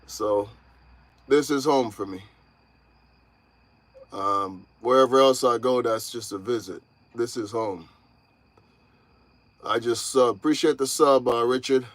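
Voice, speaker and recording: A Jamaican-born truck driver vlogger in his thirties chats casually with viewers on a livestream from his parked truck cab. He's laid-back, speaking straight to them and calling them y'all, in a mid-range, fairly bright voice at a slow pace with long pauses. The recording is dry.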